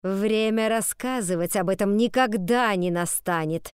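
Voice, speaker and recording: A woman reading the part of a cruel, scheming schoolmistress who speaks slowly through clenched teeth. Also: mid-range voice, a little mellow, clean tone, dry recording, studio quality, natural voice. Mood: menacing.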